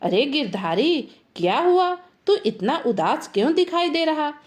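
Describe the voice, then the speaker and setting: A woman's voice: high-pitched, very animated, unhurried, voice pushed up. A woman voicing an older village headman who questions and advises a farmer. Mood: surprised.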